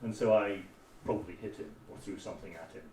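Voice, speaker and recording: A man's voice: lowish voice, fast talker, a little mellow, distant mic, slight background noise. Wry Scottish man, roomy hall. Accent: Scottish, Edinburgh. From Scotland. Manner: anecdotal, wry storytelling. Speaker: panelist historian. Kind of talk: roundtable discussion.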